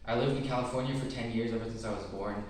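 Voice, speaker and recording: A man's voice: medium pitch, darkish tone. A teenage boy with a West Coast American accent, giving a reflective prepared talk as a student speaker. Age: teens. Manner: reflective, measured storytelling. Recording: very echoey room, mic at a distance.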